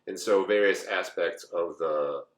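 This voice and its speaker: A man's voice: low voice, unhurried. A man in his forties from the United States, telling a personal story in a rambling, casual way with many asides. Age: 40s. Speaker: co-host. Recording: echoey room.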